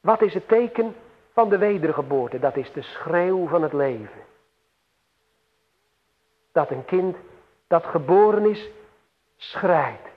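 Male preacher, unhurried and solemn, echoing church-hall reverb. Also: on the high side, animated. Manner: slow, solemn preaching with emphatic swells and long pauses. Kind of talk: sermon. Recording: tinny phone-like radio broadcast with long hall reverb.

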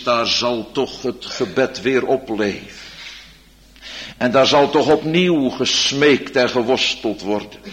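A man preaching a sermon in solemn, old-fashioned church language, growing loud and impassioned at times. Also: medium pitch. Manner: impassioned, rising to loud emphatic stretches.

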